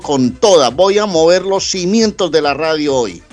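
A man with a notably high voice bantering on a radio talk show. He is excitable and teasing, and he hypes up each piece of news. Faint music plays under the studio talk. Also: moderate pace.

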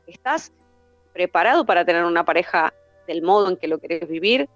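A woman's voice: fairly low pitch, expressive, brisk, dry recording. Woman, workshop leader vibe, talks in long flowing lists, dull lo-fi audio, faint music behind. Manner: flowing, teacherly, uses repeated lists. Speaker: workshop facilitator. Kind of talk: reflective conversation. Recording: dull lo-fi sound.

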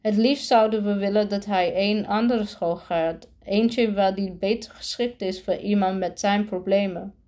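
A woman reading the part of a stern female school principal, formal and halting, with restarts. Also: mid-range voice, steady tone, mellow, natural voice.

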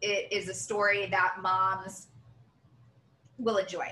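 A woman's voice: medium pitch, flat delivery, takes it slowly, pushed and bright, echoey room, a little hiss or hum. A woman co-hosting a podcast in casual chat, chatty and giggly, with loose asides and running commentary. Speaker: podcast co-host.

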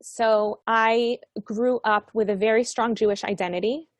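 A woman's voice: on the high side, fairly even intonation, unhurried, dry recording. A woman in her forties from Colombia, a guest author talking casually and with enthusiasm in an interview. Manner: upbeat, enthusiastic.

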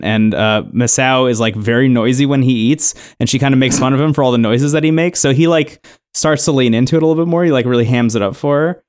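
A man's voice: mid-range voice, clear, resonant tone. Man casually recapping a reality show. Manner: relaxed storytelling, many "like" and "um" fillers. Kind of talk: casual chat.

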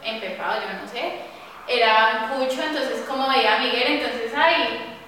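A young woman joins a casual round-table chat, jumping in to retell what happened. Her voice is bright and sharp and a little high. She is recorded from a distance in an echoey room with a long reverb. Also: normal speed, a little hiss or hum. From Colombia. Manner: chatty, interjects, retells events. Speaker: panel guest. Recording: echoey room, mic far off.

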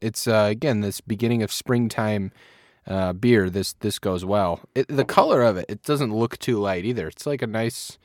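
A man's voice: on the low side, normal speed, a little mellow, dry recording, studio quality. A man with a Wisconsin accent chatting casually and a bit crudely as a podcast co-host reviewing beer, in a rambling way.

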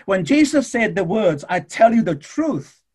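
Husky, high-voiced male preacher. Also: sing-song, a little mellow. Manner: fervent, with shifting pace and dramatic pauses; addresses the congregation directly. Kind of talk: sermon.

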